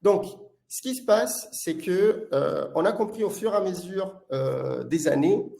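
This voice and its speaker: This product manager from Italy has a high, mellow voice with vocal fry. Presenting a live webinar in his Italian accent, he stumbles along haltingly, using plenty of filler sounds.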